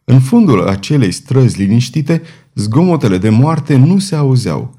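Man narrating with a mellow voice. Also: medium pitch, sing-song, breathy edge. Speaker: audiobook narrator. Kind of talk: scripted narration.

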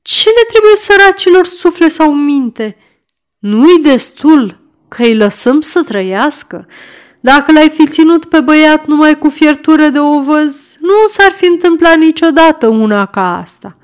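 A woman's voice: high-pitched, animated, voice pushed up. Woman doing a pompous blustering beadle. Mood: lecturing. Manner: blustering, lecturing. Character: pompous self-important male parish beadle.

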